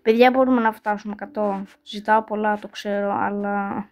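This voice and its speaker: A woman's voice: medium pitch, steady tone. A woman hosting her own channel, casually talking through each move of a puzzle game and poking fun at herself. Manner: chatty, thinks aloud about each move, repeats words like "here" and "no"; self-mocking and apologetic toward viewers. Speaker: channel host playing a mobile game. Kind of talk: casual gameplay commentary.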